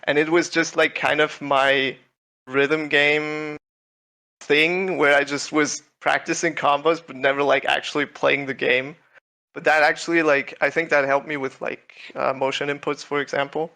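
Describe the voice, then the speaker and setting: Fairly high yet barely varying in pitch, this young Swiss man's voice is gravelly, bright and forceful, delivered at a normal speed. He won a tournament and now chats in a casual video-call interview, laid-back and modest, stumbling through fillers and restarts.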